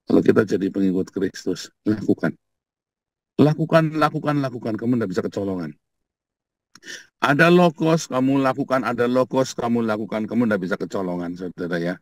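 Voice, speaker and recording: A male pastor, giving a casual sermon in blunt, colloquial speech, hammering points through repetition and swinging from quiet asides to loud outbursts. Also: lowish voice, lively intonation, brisk, no echo.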